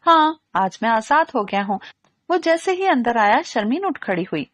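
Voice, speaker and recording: Lively woman reading an audio novel. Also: fairly high pitch, moderate pace, dry recording. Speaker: narrator. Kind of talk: audio novel narration with character dialogue.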